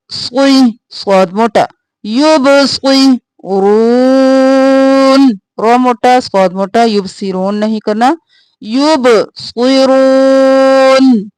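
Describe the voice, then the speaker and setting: A woman teaching Quranic recitation, drawing out verses slowly and explaining each sound briskly. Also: on the high side, darkish tone, no room sound. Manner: slow drawn-out melodic recitation between brisk spoken instructions. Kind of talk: tajweed lesson, alternating slow recitation and quick explanation.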